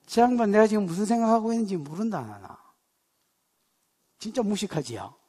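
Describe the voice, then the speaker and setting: A man's voice: sits high, a little fast, slightly rough. A middle-aged male pastor with a Gyeongsang dialect, preaching a sermon and telling personal stories with jokes aimed at the congregation. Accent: Gyeongsang Korean dialect. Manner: animated, joking storyteller who teases the congregation. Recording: long church hall reverb.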